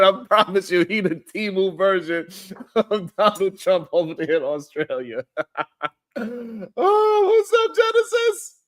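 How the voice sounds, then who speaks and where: A man's voice: a little high, a bit bright. A man hosting a casual livestream, talking loosely and rambling as he greets viewers in the chat and chuckles often.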